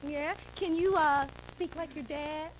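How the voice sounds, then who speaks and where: A woman from New York hosting a children's show, chatting with kids in a lively, encouraging way and laughing often. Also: high-pitched, unhurried, a little hiss or hum, low-quality recording. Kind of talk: casual chat with children.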